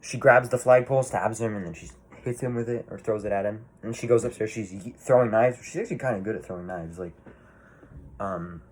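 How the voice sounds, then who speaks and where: Male movie reviewer, low voice, casual rambling delivery, swears often. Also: a little fast, darkish tone, breathy edge. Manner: rambling, swears freely, many fillers and restarts.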